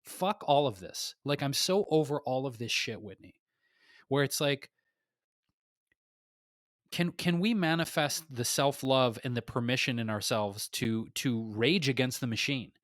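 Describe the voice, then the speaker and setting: A man's voice: mid-range voice, measured pace, a bit bright, no echo, studio quality. A man co-hosting a podcast, talking in a heated, restless way with lots of swearing and repeated restarts. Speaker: podcast co-host. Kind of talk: impassioned casual podcast talk.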